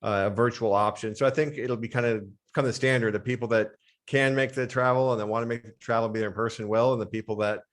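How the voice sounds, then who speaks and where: This strength and conditioning coach, an American guest on a podcast, has a medium-pitched voice with fairly even intonation. He speaks quickly and fluently, laying out his points in relaxed interview conversation.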